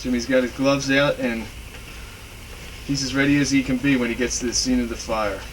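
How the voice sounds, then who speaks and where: A fire company instructor, a man with a mid-range voice, walks through a hands-on training demonstration step by step, explaining plainly at a fairly quick pace with fairly even intonation. The recording is echoey and reverberant, picked up by a distant mic over a noisy background.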